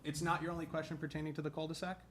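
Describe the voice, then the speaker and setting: A man's voice: fairly high pitch, level tone, very fast, a bit bright, slight background noise. A man moderating a public meeting as chair, procedural and insistent.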